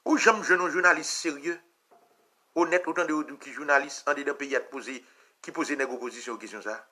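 A man with a Haitian accent giving an impassioned political talk, repeating phrases and sometimes shouting. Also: a little high, fairly quick. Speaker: commentator.

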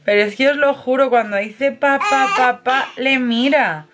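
A woman's voice: sits high, a little slow, background noise. Chatty young woman vlogging. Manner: chatty, affectionate, breaks into baby talk. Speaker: vlogger mother. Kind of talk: casual family vlog.

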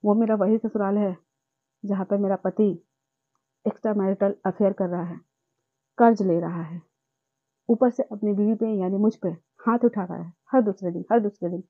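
A woman's voice: medium pitch, fairly even intonation, moderate pace, long pauses, no echo. A young woman vlogging about her own life, speaking in an impassioned, repetitive and indignant way. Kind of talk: emotional personal vlog monologue. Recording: tinny phone-like sound.

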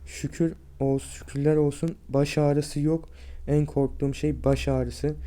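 A man in his twenties, sick and drained, talking to viewers in a weak, strained voice with halting, effortful delivery. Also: a little high, little pitch movement, warm tone. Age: 20s. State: sick and drained with fever and aches. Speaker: vlogger. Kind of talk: personal health vlog, speaking to viewers.

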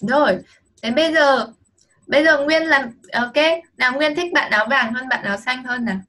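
High bright teacher. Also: female voice. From Vietnam. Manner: encouraging, slow modelling of English phrases. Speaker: online English teacher. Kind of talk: patient one-on-one teaching to a child.

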